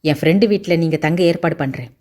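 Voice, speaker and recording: A woman's voice: low-pitched, fast talker, a little mellow, natural voice. A woman voicing a nervous, polite young man pleading on his sister's behalf in a Tamil audiobook. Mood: eager. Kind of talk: audiobook character voice.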